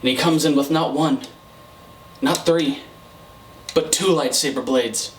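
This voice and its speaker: A man's voice: a little high, measured pace. A man giving a comedic, casual movie review as a host, sarcastic, irreverent and sweary. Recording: roomy, distant mic, faint noise.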